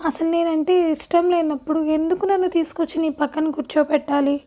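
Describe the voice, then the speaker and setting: A woman's voice: sits high, fairly even intonation, fast talker, mellow, lightly acted. A woman voicing a shy, innocent young bride who speaks bashfully in an audio story. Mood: tearful.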